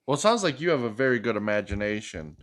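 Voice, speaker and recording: With a fairly low, sing-song voice that's a bit bright, a man reads a picture book fast and expressively at a children's storytime. He keeps things playful with chatty asides to a child, posing questions and echoing the replies.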